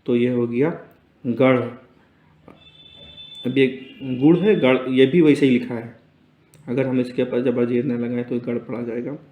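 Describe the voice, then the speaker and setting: A man teaching an Urdu writing lesson in a relaxed, spoken way, patiently repeating each word slowly and checking in with his students. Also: mid-range voice, narrow, tinny audio. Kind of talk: casual spoken lesson, explaining letters on a board. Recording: roomy echo.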